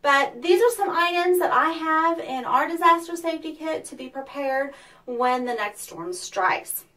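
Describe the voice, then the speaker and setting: Speaking a little slowly, this woman has a high, expressive, sharp-toned voice that echoes hollowly through a small underground tornado shelter. As a weather company's safety presenter, she offers a casual, instructive how-to full of fillers, picked up by a distant mic with faint noise.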